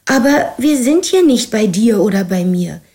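A woman's voice: on the high side, expressive, moderate pace, dark tone, voice pushed up. A woman reading a thriller aloud, voicing a curt, commanding man on the run. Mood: tense. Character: hard-pressed man on the run, curt and bossy.

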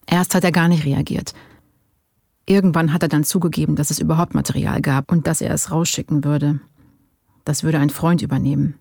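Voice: medium pitch, steady tone, brisk, gravelly, darkish tone, husky, no room sound, clean studio sound. The narrator reading an exhausted male informant who gives weary, defensive answers under questioning.

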